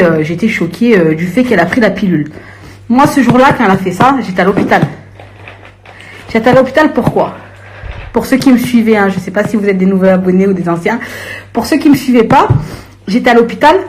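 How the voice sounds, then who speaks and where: A young woman ranting to viewers on a live stream in a confrontational, slangy way, swinging from low grumbling to shrill outbursts. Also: darkish tone.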